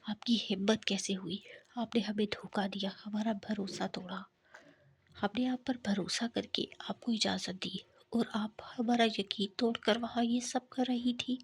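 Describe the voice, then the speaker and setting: A woman's voice: mid-range voice, steady tone, breathy edge. A woman voicing a stern, formal middle-aged mother in a whispered role-play from a novel reading. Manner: commanding, formal.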